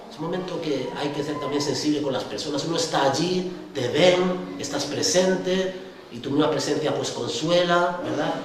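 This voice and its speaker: A male pastor with a Spain Spanish accent giving a sermon in a conversational way, often ending phrases with tag questions. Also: on the high side. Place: church hall. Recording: echoey church hall, distant mic, faint noise.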